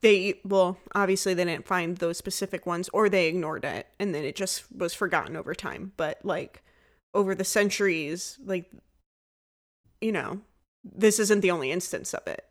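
A woman's voice: fairly low pitch, normal speed. Young woman with a slight lisp, rambling. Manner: rambling, lots of "like" fillers, self-described lisp. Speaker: podcast co-host. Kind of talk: casual chat.

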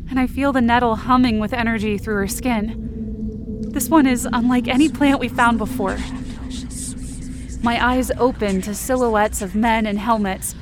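Against a noisy background, a woman whose voice is a little high delivers first-person scripted fiction with intense, suspenseful drama. Dramatic music plays as a bed beneath her narration.

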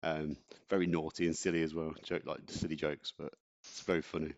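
Deep-voiced man ranting on a podcast. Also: level tone, fairly quick, highs cut off. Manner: chatty, ranting, laughs often. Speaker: podcast co-host. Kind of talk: casual chat.

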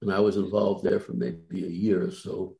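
An older man speaks with a low, gravelly voice and a dark, mellow tone. He tells his memories haltingly, circling back and repeating words as he goes. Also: flat delivery, low-quality recording. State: tearful at times. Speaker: guest recounting civil rights work. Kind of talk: personal recollection.

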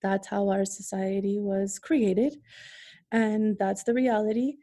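Mellow-voiced woman speaking earnestly. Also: mid-range voice, little pitch movement, slow pace. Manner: earnest, laughs between points. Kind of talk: conversational interview.

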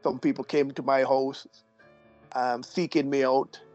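A man from Jamaica with an announcer-like voice, telling his life story as a guest in a measured, gently humorous way. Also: medium pitch, level tone, faint music behind. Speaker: guest, deacon. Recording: dull, dry audio.

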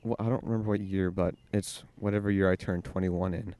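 A man with a low voice jokes bluntly and casually with his friends on a podcast. He speaks close into a podcast microphone. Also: fairly even intonation, a little fast, dark tone, no echo. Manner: joking, blunt wisecracks. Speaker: podcast co-host. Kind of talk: casual chat.

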